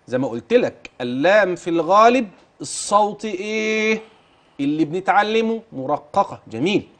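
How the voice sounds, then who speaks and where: A man with an Egyptian Arabic accent teaching Quran recitation, asking questions and reciting example words slowly and drawn out. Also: sits high. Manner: patient, questioning and drilling the listener. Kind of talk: tajweed lesson, modelling recitation.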